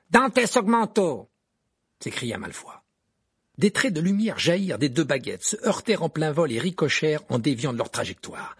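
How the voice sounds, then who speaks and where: A man narrating an audiobook in an expressive storytelling manner, with a raspy voice. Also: a little high, no room sound, studio quality. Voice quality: raspy, gravelly. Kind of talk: audiobook reading of a novel.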